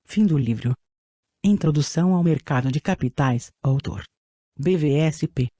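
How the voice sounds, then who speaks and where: A man's voice: a little high, measured pace, no echo. A synthesized text-to-speech man's voice with a Brazilian accent, reading scripted reference material in a mechanical audiobook manner. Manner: mechanical, flat screen-reader delivery that reads punctuation aloud. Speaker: audiobook narrator.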